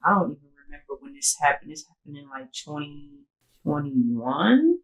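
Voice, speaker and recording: Animated woman telling a story, slangy. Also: low-pitched, normal speed, poor audio. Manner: animated, acts out quotes, slangy. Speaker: podcast co-host. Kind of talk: casual storytelling chat.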